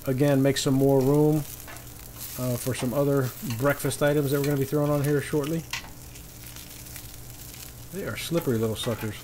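Beside a griddle on a paved patio, a man hosts a relaxed cooking show with folksy, informal directions. His mid-range voice is dark and fairly even, at normal speed with long pauses. The audio is poor, and frying food sizzles clearly behind him.

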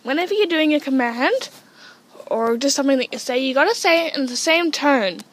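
A woman's voice: high voice, animated, brisk, poor audio. A teenage girl explaining guinea pig training at home, switching to coaxing, sing-song calls to her pets. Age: teens. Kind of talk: casual home tutorial.

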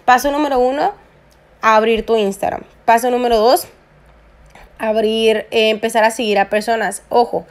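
A woman's voice: on the high side, fairly even intonation, normal speed. A woman, chatting through a phone screen tutorial and repeating her points for emphasis. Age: 20s. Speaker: network marketing vlogger. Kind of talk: screen-recorded tutorial narration.

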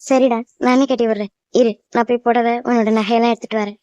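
A woman's voice: on the high side, steady tone, quick pace, darkish tone, dry recording, close to an everyday voice. A woman voicing a worried, loving cartoon mother who fusses and pleads with her newly married daughter. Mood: fussing. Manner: fussing, emotional, pleading. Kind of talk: cartoon voice acting.

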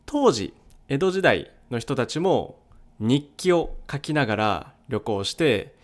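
A man hosting a language-learning podcast, explaining a topic in a clear, unhurried monologue with frequent soft "un" fillers. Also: medium pitch, very animated. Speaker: podcast host teaching Japanese. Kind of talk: solo educational podcast monologue.

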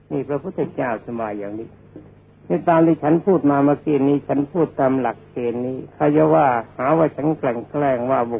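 An older man, a senior Buddhist monk, giving a Dhamma sermon in a deliberate, didactic old man's manner with a gravelly, husky voice. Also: mid-range voice. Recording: dull, lo-fi old radio-like recording.

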